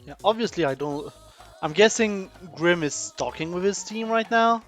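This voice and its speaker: Hesitant esports co-caster. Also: male voice, high voice, animated, moderate pace, faint music behind. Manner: soft-spoken, hesitant, many fillers. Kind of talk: live esports commentary.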